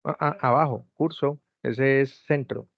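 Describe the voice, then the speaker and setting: A man's voice: medium pitch, measured pace, gravelly, dry recording. A man tutoring an online class over a video call, patiently repeating step-by-step instructions. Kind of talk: guiding students through a video call. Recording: dull lo-fi call audio, dry.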